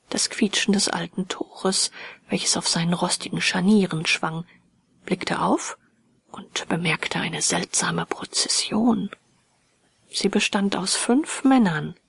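A woman narrating a fairy tale in a soft, hushed, whispered reading. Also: medium pitch, no room sound. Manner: soft, hushed and breathy delivery.

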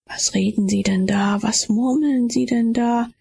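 A woman's voice: a little high, fairly even intonation, measured pace, creaky, mellow, breathy edge. A woman reading an audiobook as an intense first-person inner monologue, with whispered asides. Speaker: audiobook reader.

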